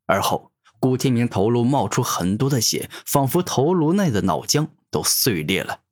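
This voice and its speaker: A man narrating a fantasy audiobook in an animated storytelling manner. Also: medium pitch, moderate pace.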